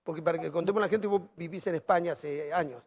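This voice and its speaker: A man's voice: on the high side, fast, darkish tone. A man with an Argentine accent hosting an interview, framing topics and summarizing his guest's ideas in informal speech. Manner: summarizes and frames questions with the informal "vos". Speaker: talk show host.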